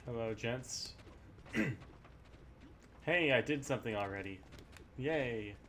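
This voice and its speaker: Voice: medium pitch, slow, fairly bright tone, slight background noise. A gaming streamer giving casual, off-the-cuff commentary while playing.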